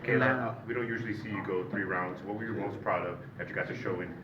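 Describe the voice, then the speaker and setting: A man with a low voice asks press questions at a quick pace. He sounds distant and dull in an echoey space, with noise behind him. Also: fairly even intonation. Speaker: reporter asking questions.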